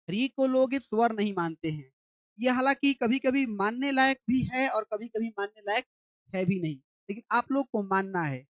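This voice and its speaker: A woman's voice: fairly high pitch, dry recording, muffled recording. A woman teaching an online grammar class, asking questions and answering them herself, stretching out the vowel sounds as she chants them.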